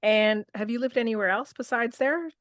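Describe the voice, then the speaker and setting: A woman's voice: fairly high pitch, moderate pace, dry recording, clean studio sound. A woman hosting a podcast, asking questions with curiosity and frequent restarts. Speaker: podcast host. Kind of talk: interviewing.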